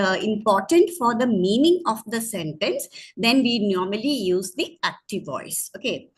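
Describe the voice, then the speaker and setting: A woman's voice: on the high side, husky, rough recording. A woman teaching an online English grammar lesson, explaining patiently and often restarting or correcting herself. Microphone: screen-share online session.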